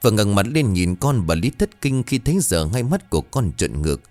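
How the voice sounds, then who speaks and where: A man narrating a ghost story in a dramatic, expressive way. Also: lowish voice, fairly quick, no echo, faint music behind.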